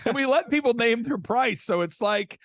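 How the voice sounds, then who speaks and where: Brief: lively male guest storyteller, high voice, acts out quotes, dry studio sound. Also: normal speed, no room sound. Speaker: guest speaker and event organizer. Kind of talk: casual podcast conversation.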